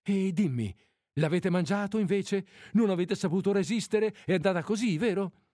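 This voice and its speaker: A man's voice: high-pitched, moderate pace, mellow, dry recording, clean studio sound, pitched above the performer's own voice. A man doing a fervent old village priest. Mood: agitated. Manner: pleading, rising to anger. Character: agitated elderly male village priest.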